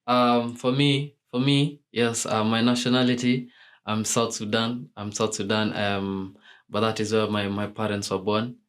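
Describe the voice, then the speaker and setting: Guest read: young Kenyan-raised man, monotone, hesitant, restarts a lot. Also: fairly low pitch, unhurried. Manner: hesitant, many restarts and fillers. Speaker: musician guest. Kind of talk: radio interview answers.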